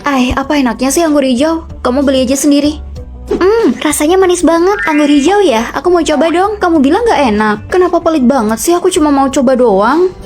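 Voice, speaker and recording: A woman voicing bickering young female college students in a dorm, with quick, petty, squabbling lines, in a dubbed short drama. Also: sits high, darkish tone, natural voice. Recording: faint music underneath.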